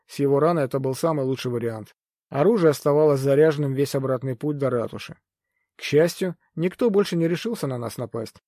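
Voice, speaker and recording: A man reading first-person adventure fiction aloud as an audiobook narrator, steady and measured. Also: mid-range voice, no echo, studio quality.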